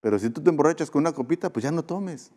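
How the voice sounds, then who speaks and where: A man's voice: a little high, animated, quick pace, warm tone. A man pastor with a Mexican Spanish accent, preaching a sermon in an earnest, conversational way with emphatic repetition. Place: church sanctuary. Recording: long church hall reverb.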